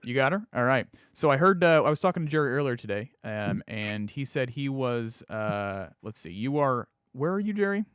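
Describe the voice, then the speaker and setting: Young male host, casual live chat, upbeat, halting with fillers, dry close sound. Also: medium pitch, big pitch swings, a bit bright, clean tone, dry recording. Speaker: radio show host. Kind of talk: casual live-stream chat with sponsor plug. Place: at a chrome parts shop.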